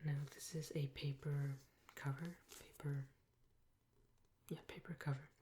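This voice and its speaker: A woman with a low, mellow voice does a whispered role-play as a patient librarian. She is soft and breathy, talking gently close to the mic, with noticeable hiss in the recording. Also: flat delivery. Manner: gentle, unhurried customer-service talk with pauses. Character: helpful, patient female librarian serving a patron. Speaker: ASMR performer playing a librarian. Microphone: close binaural microphone.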